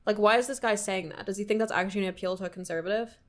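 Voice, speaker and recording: A young woman argues her point in a relaxed debate, her voice at a middling pitch. She talks fast, laughs easily and swears when she gets riled. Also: slight background noise. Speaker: guest debating. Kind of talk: casual debate chat.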